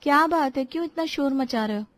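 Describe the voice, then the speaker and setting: A woman's voice: high-pitched, fairly quick, pitched above the performer's own voice, close to an everyday voice. A woman voicing a young newlywed wife who argues back defensively with her husband. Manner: defensive, exasperated. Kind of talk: Hindi cartoon voice acting.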